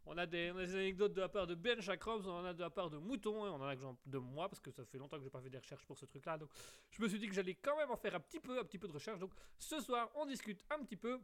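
A man's voice: sits high, fast, fairly bright tone. Playful, rambling man hosting a radio show. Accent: slight English accent. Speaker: radio host. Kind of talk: live call-in show hosting.

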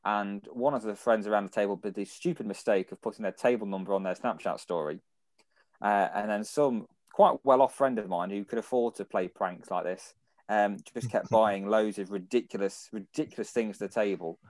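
A man's voice: on the low side, moderate pace, darkish tone, dry recording. Chatty young British man telling stories. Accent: British English. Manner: rambling storyteller who laughs often. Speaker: podcast co-host. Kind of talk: casual chat.

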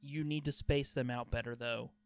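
A man's voice: mid-range voice, steady tone, moderate pace, dry recording. A man chatting casually on a podcast, easygoing and swearing offhandedly. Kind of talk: casual podcast chat about wrestling.

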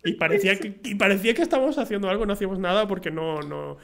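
A man's voice: sits high, racing, gravelly. A young man with a Spanish accent, co-hosting a stream and telling a story with lots of laughter. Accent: Spain Spanish. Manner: animated storyteller, laughs often, acts out quoted voices. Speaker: co-host. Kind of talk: casual chat. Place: streaming studio.

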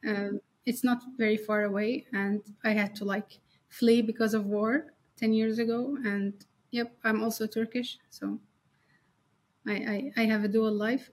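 A woman's voice: a little high, level tone, unhurried, a little mellow. A young woman from Syria, a developer being interviewed, friendly and laughing often, repeating words as she talks. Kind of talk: casual interview.

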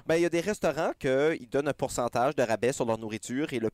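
A man's voice: medium pitch, quick pace, darkish tone. A man co-hosting, matter-of-fact in casual chat. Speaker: radio co-host.

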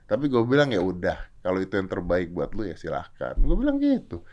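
A man's voice: deep voice, wildly swooping pitch, brisk, highs cut off. A man hosting a casual chat, easygoing and teasing, agreeing often. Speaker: podcast host.

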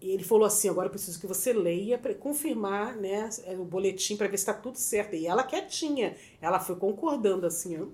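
A middle-aged woman from Brazil, a guest telling a story in casual chat, expressive and often laughing as she acts out quotes. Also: mid-range voice, fairly quick, hardly any pauses.

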